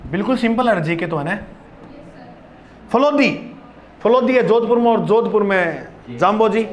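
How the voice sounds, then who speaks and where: A male teacher giving a classroom lecture, loud and playful, drilling students with call-and-response chants. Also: high voice, lively intonation, normal speed, slight background noise.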